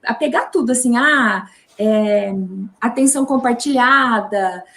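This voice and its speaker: A Brazilian woman, a mother, talking in a casual interview with halting speech and many restarts. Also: fairly high pitch, fairly bright tone, echoey room. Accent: Brazilian Portuguese. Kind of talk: casual video call interview. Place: home.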